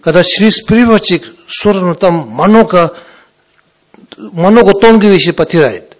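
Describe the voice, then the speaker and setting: A man with a foreign accent, not a native Russian speaker, giving a Buddhist teaching in halting, broken Russian and often checking that listeners understand. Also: sits high. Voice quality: broken Russian with wrong grammatical endings. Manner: halting, repetitive, often checking understanding with short tag questions. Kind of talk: spiritual teaching talk to students.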